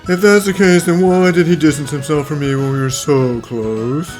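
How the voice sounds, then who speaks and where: A man's voice: fairly high pitch, normal speed, close to an everyday voice, low-quality recording. A man playing an earnest, regretful older character in an anime-style fan dub. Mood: puzzled. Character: earnest, regretful older friend, long estranged. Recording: voice over faint music.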